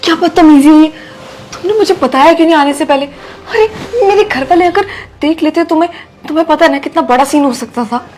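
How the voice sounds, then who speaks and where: A woman's voice: high voice, animated, fairly quick, hardly any pauses, slight background noise. A woman playing a scheming young married woman in a scripted drama, with an insistent, scolding way of talking. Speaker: daughter-in-law character. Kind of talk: scripted Hindi short-drama acting.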